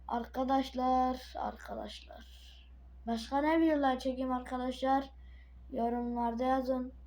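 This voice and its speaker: A woman with a sore throat giving casual gameplay commentary to her viewers, muttering to herself and then breaking into sudden shouts. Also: high-pitched, slight background noise, poor audio. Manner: excitable, swings between muttering and sudden shouting. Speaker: gaming channel host.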